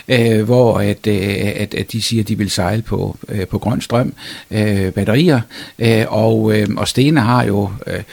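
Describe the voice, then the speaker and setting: A man's voice: medium pitch, creaky, a little mellow, husky, no room sound. A male historian, answering interview questions hesitantly, with many fillers and restarts. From Denmark. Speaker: historian guest.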